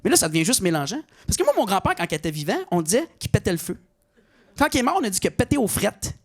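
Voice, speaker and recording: A middle-aged man from Quebec with a Québécois accent, performing a stand-up comedy routine with mock outrage and high-pitched punchlines. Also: very animated, fast, breathy edge. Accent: Québécois French. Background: audience laughter.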